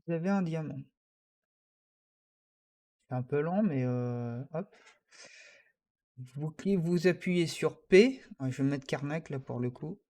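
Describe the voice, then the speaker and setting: Voici un homme qui enseigne un logiciel dans un tutoriel enregistré sur écran. Sa voix est légèrement aiguë pour un homme. Il a un français, il hésite souvent et il décrit chaque clic au fur et à mesure. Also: male voice, fairly high pitch, slow pace, long pauses, dark tone. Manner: hesitant, many fillers, talks through each click. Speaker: software tutorial teacher. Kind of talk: screen-recorded software tutorial.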